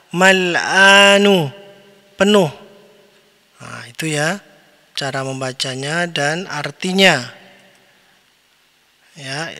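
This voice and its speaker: A man teaching a lesson, reciting words slowly and drawn out, then giving their meaning. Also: fairly high pitch, pushed and bright, in a large hall. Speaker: Arabic teacher. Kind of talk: recorded online lesson.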